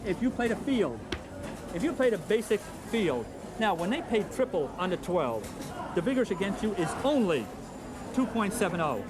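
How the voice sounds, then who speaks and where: A man with a high voice explains craps odds step by step on an old instructional tape. The sound comes from a worn VHS copy. Music plays clearly underneath him. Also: very animated, moderate pace. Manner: drills odds patiently, checks in with "okay?". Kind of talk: instructional video teaching.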